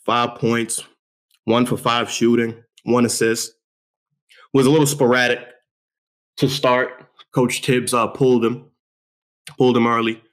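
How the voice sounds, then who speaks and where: A young man from New York talks sports on his own show, boastful and fired up. He leans on street slang, repeats himself for effect and keeps things animated. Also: medium pitch, measured pace, pauses often. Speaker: show host. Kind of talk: hyped sports talk monologue.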